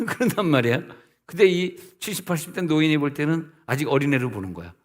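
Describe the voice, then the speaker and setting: A man's voice: fairly high pitch, expressive, fast talker. A middle-aged man, a senior pastor, preaching a sermon in a conversational way, asking his listeners rhetorical questions and acting out the people he quotes.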